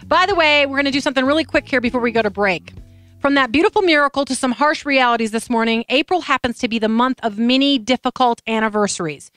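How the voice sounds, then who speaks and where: A woman's voice: high voice, quick pace, fairly bright tone, faint music behind. A woman hosting a talk show. She chats casually through a news story, tells it with a lot of emotion and often restarts her sentences.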